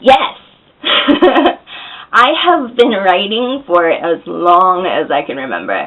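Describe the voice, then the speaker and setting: An American woman who is hoarse and unwell with a cold, chatting casually and candidly to her viewers, a little short of breath. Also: lowish voice, lively intonation, unhurried. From Oregon, United States. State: out of breath, shaky. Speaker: vlogger answering viewer questions. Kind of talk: casual chat to camera. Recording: thin, phone-like narrow sound.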